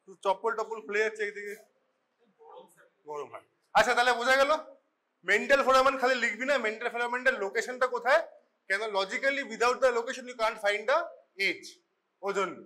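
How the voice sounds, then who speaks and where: Bengali guy teaching a college class, high bright voice, chatty and a bit scolding, mixes in english. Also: normal speed, pauses often. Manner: chatty, scolding, switches into English mid-sentence. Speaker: forensic medicine lecturer.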